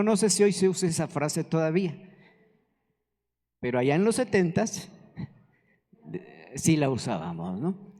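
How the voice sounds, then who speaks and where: A man's voice: on the high side, warm tone. A man, preaching a conversational sermon and asking the congregation questions. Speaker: pastor. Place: church hall. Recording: reverberant church hall.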